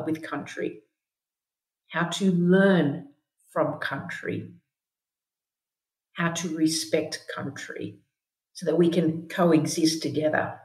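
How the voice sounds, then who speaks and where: An Australian woman with a slightly low voice speaks as a guest in a podcast conversation. She talks in measured, short, repeated phrases, and the room adds noticeable echo. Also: steady tone, darkish tone. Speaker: guest, First Nations speaker. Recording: roomy, echoey room sound.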